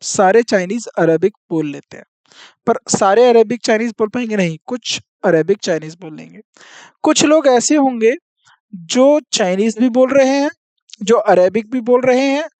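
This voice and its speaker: A teacher giving an exam-prep lesson who repeats each point, reads statements out slowly and keeps checking in with the class. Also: mid-range voice, animated, a little mellow, dry recording. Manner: reads out English statements slowly, then explains them in Hindi.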